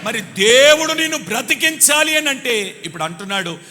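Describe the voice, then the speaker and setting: A man preaching a live sermon in a church, calling on the congregation to answer louder and repeating verse references. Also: very high-pitched, big pitch swings, fairly quick. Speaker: pastor. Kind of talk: live Sunday sermon with call-and-response. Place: church hall. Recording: long church hall reverb.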